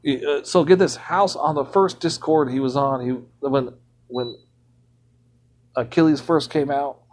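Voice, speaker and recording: A man's voice: medium pitch, a little slow, a little mellow. Ranting, indignant male game streamer. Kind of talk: casual live-stream commentary.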